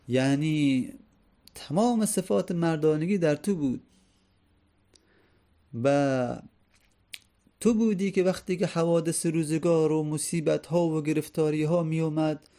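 A male teacher lectures on classical poetry with a mellow, warm tone. His voice sits a little high for a man. He works through the verses line by line and pauses to ask his listeners rhetorical questions.

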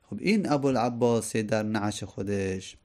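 A man's voice: on the low side, darkish tone. A man teaching a lecture on classical poetry, explaining each verse line by line and asking his listeners rhetorical questions.

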